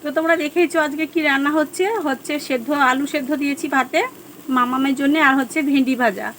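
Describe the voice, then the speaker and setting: A woman vlogger with a Bengali accent, chatting casually to viewers at home about her day, rambling with many fillers, her voice a little hoarse. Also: sits high, fast, noisy background. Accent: Bengali (West Bengal). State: hoarse, throat going. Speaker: vlogger, housewife. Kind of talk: casual vlog chat to viewers.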